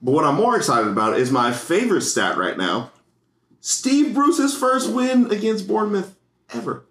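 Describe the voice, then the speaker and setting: An American man co-hosting a casual sports podcast, rambling and excitable, laughing often. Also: high-pitched, normal speed. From United States. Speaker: podcast co-host. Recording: echoey room.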